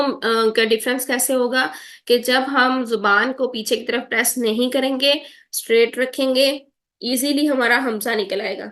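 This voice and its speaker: A woman teaching Quran recitation in an online lesson, patiently drawing words out slowly to demonstrate and checking in with her students often. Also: a little high, fairly bright tone. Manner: checks in often with "theek hai?".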